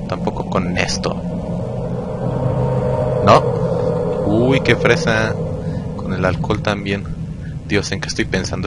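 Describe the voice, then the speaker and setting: A man with a Mexican accent giving casual gameplay commentary, crude and slangy, muttering to himself. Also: lowish voice. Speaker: gamer recording a let's play. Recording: loud game music behind the voice. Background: horror game music.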